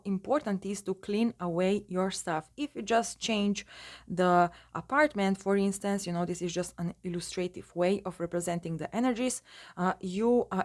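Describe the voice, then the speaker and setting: A woman's voice: mid-range voice, a little mellow. A woman giving a casual tarot reading in her just-woken morning voice, rambling with many fillers and restarts. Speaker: tarot reader.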